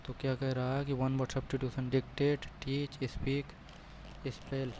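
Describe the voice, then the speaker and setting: A man working through a mock exam aloud, repeating each option and reading English sentences slowly before explaining in Hindi. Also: medium pitch, completely flat delivery, darkish tone, slight background noise, rough recording. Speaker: exam prep tutor. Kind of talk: solving a mock test aloud.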